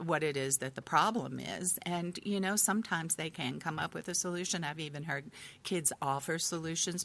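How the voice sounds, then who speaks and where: An older woman on a discussion panel, speaking as a family counselor in a candid, conversational way with thoughtful pauses. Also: low voice, fairly bright tone.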